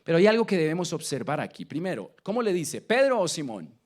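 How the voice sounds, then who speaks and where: A Colombian-accented man delivers a sermon in a fairly high, very lively voice. He peppers the congregation with questions and swings between loud emphasis and hushed lines. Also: fast. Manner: preaching with rhetorical questions to the congregation. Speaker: pastor.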